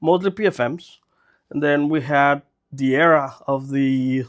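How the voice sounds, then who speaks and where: A man's voice: medium pitch, measured pace. A man in his forties with a Mexican accent, a native Spanish speaker, chatting casually as a podcast guest telling his story. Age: 40s. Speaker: podcast guest, dental technician.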